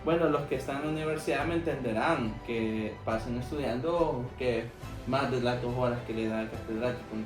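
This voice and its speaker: Salvadoran man, young adult, frank storyteller with many fillers; roomy studio, soft music under. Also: mid-range voice. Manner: frank, anecdotal, heavy on fillers like "este" and "¿verdad?". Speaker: English teacher and former call center agent. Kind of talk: casual podcast interview.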